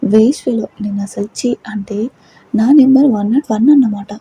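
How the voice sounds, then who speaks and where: A woman with a very breathy, husky voice voicing a quick-tempered young wife who scolds her husband with sharp questions. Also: a little high, poor audio. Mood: furious.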